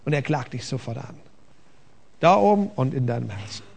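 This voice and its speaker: A man preaching a conversational sermon from a church stage, with rhetorical questions and a lively, engaging delivery. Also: medium pitch, moderate pace, gravelly. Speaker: pastor.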